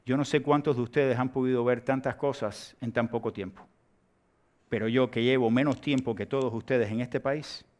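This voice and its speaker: A man with a Cuban accent preaching a sermon and leading a closing prayer in church, swinging from hushed words to loud emphatic ones. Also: mid-range voice, steady tone, moderate pace. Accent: Cuban Spanish. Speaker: pastor. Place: church sanctuary during a service.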